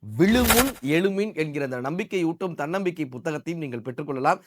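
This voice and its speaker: A man's voice: animated, fast talker, no room sound, clean studio sound. A man telling a devotional epic story with colloquial asides, his voice swelling and dropping with emotion. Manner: emotive, swells and drops in pitch and volume; colloquial spoken asides to listeners. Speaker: storyteller and motivational speaker.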